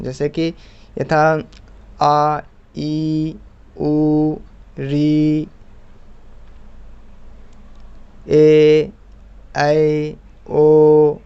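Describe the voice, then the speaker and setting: A man teaching a lesson patiently, repeating points and drawing out example sounds slowly. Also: fairly high pitch, a little mellow, clean tone. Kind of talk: explanatory lesson. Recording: muffled lo-fi recording.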